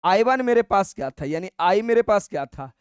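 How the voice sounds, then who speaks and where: Teaching a maths class for exam prep, a man speaks in a high, smooth and clear voice, expressive and colloquial, coaxing students he addresses as brother. Each step is dictated slowly and then repeated, with a dry, close-miked sound.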